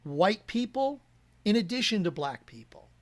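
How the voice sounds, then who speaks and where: A man with a slightly raised pitch speaking as a podcast guest. He talks earnestly and at length, often restarting his sentences as he works through a thought. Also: big pitch swings, normal speed. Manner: earnest and rambling, many restarts. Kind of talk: casual interview chat.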